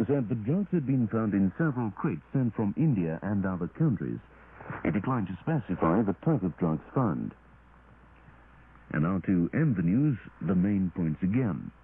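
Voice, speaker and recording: A male radio newsreader in a broadcast studio reads a formal news script at a measured pace over a thin, slightly noisy 1980s shortwave signal with phone-quality sound. His fairly low voice is very animated, its pitch moving widely.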